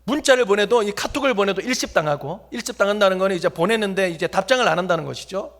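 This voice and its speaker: Brief: male pastor, high voice, jokey storytelling sermon that teases the pews. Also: quick pace, a bit bright. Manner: jokey, talks directly to the congregation. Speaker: preacher. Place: church sanctuary.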